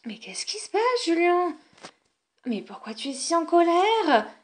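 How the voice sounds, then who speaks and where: A stern mother scolds her son in a firm toy-film voice, as a woman plays her. The voice is high and clear. She gives orders without backing down. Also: very animated, unhurried, full character voice. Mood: scolding.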